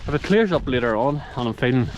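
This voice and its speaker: A man's voice: mid-range voice, lively intonation, quick pace, muffled recording. Chatty Northern Irish man on a windy hillside. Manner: chatty, thinking aloud while walking. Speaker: hiking vlogger. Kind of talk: casual walk-and-talk vlog. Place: outdoors on a wet, windy mountain trail. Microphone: handheld phone. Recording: loud wind noise outdoors. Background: wind and rain.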